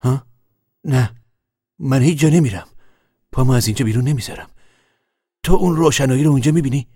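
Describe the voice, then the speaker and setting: A husky, hunted farmer on the run, voiced by a man in a radio play, wary, urgent and bitter. His voice has a breathy grain and sits mid-range. The studio sound is dry and close. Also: mid-range voice, warm tone, dry recording, natural voice. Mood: defiant. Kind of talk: radio drama acting.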